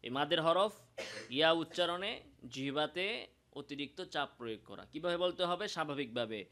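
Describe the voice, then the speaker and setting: A man with a Bangladeshi Bengali accent teaching Quran pronunciation, explaining slowly and demonstrating sounds in drawn-out chanted examples. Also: fairly high pitch, animated, fairly bright tone. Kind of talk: recitation lesson.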